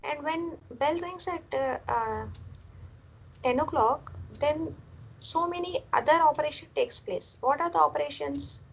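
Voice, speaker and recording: A woman teaches a technical lesson at an unhurried pace. Her voice sits high, and she circles back over phrases with fillers between them. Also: vocal fry, a little hiss or hum, rough recording. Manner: explains step by step, repeats phrases, many fillers. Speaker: lecturer. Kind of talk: classroom lecture.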